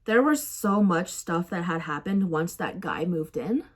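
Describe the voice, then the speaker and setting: A woman's voice: fairly low pitch, animated, a little slow. A young adult woman telling a story in a casual vlog, rambling and self-mocking, with lots of fillers. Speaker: vlogger.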